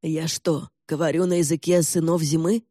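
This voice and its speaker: A man's voice: fairly high pitch, little pitch movement, moderate pace, mellow, dry recording, clean studio sound, natural voice. A man reading an audiobook and voicing a gaunt older lord who speaks curtly and snaps commands. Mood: irritated. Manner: curt, commanding, snapping.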